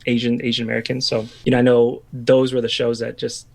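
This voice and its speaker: Gravelly-voiced man musing in conversation. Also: medium pitch, completely flat delivery, fast, a little mellow. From Washington state, US. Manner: chatty, reflective, full of restarts and fillers. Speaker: podcast guest, pastor. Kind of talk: casual podcast conversation.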